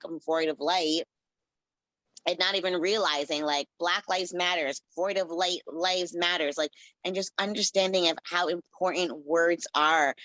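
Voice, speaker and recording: A woman's voice: low-pitched, a bit bright, no echo, low-quality recording. A woman from the Caribbean, a writer, talking as a guest in a casual interview, rambling with lots of "like" fillers. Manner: rambling, heavy use of "like" fillers.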